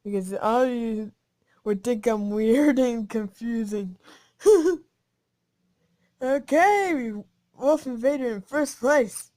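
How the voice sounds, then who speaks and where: A woman commentating her own gameplay, giggling and switching between taunting whispers and excited shouts. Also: a little high, slow pace, long pauses. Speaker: gaming channel host. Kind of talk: game commentary.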